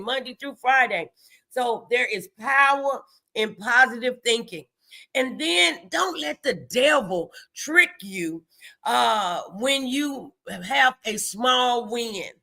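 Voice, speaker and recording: On her motivational morning live show, an American woman speaks in a fairly high, sharp-toned voice. She is emphatic and encouraging, drawing on faith and repeating phrases to drive her points home.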